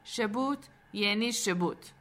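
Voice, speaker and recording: A woman voicing a stern boat captain who shouts loudly. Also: mid-range voice, animated, slight background noise. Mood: gruff. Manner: barking loud commands.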